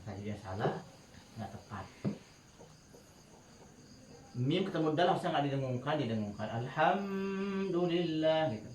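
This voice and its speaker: A man's voice: mid-range voice, expressive, moderate pace, long pauses, a little mellow, a little hiss or hum. A man teaching Quran recitation rules to his students in a casual, chatty way, often breaking into melodic chanting to demonstrate, heard from a distance in a roomy space with faint crickets. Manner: chatty, laughs while telling anecdotes. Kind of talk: casual tajwid lesson to students.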